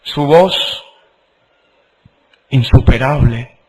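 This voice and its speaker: A preacher speaks deliberately and forcefully, looping back over the same phrases while his volume rises to shouts and drops to hushed murmurs. The recording quality is poor.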